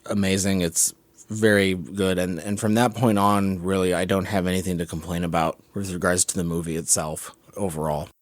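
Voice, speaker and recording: Deep-voiced man co-hosting a podcast. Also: fairly even intonation, normal speed, no echo. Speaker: podcast co-host. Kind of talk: casual chat about films.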